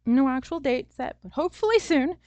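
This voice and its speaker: A woman's voice: a little high, animated, measured pace, gravelly, no echo, lo-fi sound. A woman author talking casually in a vlog, chatty and loose, with many fillers and small laughs. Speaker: self-published author.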